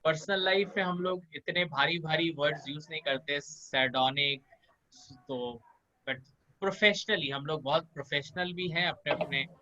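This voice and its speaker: A man teaching vocabulary in a live online class, drilling pronunciation by slow repetition and calling on students by name. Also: medium pitch, bright, forceful tone, dull audio, a little hiss or hum. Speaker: spoken English teacher. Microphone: video call.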